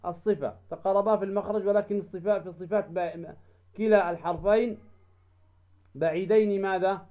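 A man teaching Quran recitation rules, drawing out example words slowly and asking himself questions, then answering them. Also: high-pitched, steady tone, phone-quality sound. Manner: slow, drawn-out demonstration of recited words; asks and answers his own questions. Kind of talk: tajweed lesson.

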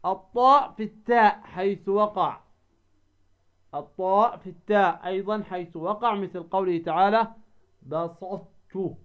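A man teaching Quran recitation rules, drawing out example words slowly and asking himself questions, then answering them. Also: high voice, clean tone, highs cut off. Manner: slow, drawn-out demonstration of recited words; asks and answers his own questions. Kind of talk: tajweed lesson.

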